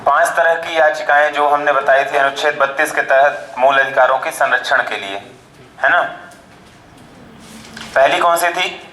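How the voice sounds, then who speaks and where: A man's voice: on the high side, fairly even intonation, normal speed, pauses often, reverberant, low-quality recording. A male teacher giving a classroom lecture, explaining step by step and often checking with short tag questions.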